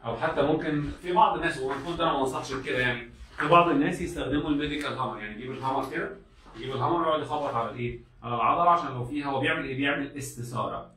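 Brief: Egyptian male lecturer, very fast, drills students with repetition, recorded off-mic in an echoey room. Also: medium pitch, bright, forceful tone, distant mic. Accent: Egyptian Arabic. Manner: repetitive, drilling students, acts out exam steps. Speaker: medical lecturer. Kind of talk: classroom lecture.

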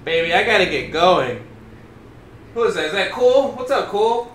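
Young male streamer, high lively voice, bright and sharp, yelling and cursing at the game. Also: moderate pace. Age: young adult. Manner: loud, profane, shouts at the game. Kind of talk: live gameplay commentary. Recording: echoey room, faint hiss.

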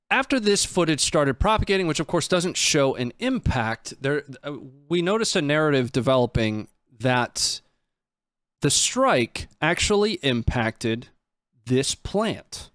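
Here a man in his thirties riffs casually on footage as a stream host, close to a desk microphone on a boom arm in a small indoor studio. The recording is dry, and his medium-pitched voice comes across a bit bright, clear and resonant.

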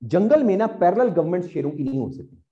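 A man's voice: high-pitched, very animated, quick pace, lo-fi sound. A man with a Pakistani Urdu accent lecturing exam students as a teacher, asking rhetorical questions and often checking whether they follow.

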